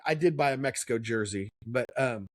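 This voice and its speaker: Speaking briskly in a mid-range voice, a male podcast co-host from Kansas City rambles through a lengthy story during a casual chat, voicing the quoted lines himself.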